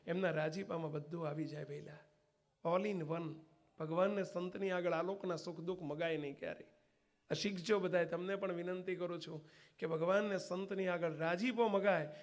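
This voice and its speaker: A monk preacher telling a devotional story in a homely way, calling listeners brother and quizzing them. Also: male voice, high-pitched.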